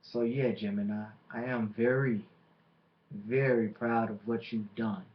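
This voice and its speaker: A man cuts a wrestling promo in a mid-pitched voice. He speaks slowly and deliberately, leaving dramatic pauses as he boasts and taunts. The recording is dull and lo-fi. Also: fairly even intonation.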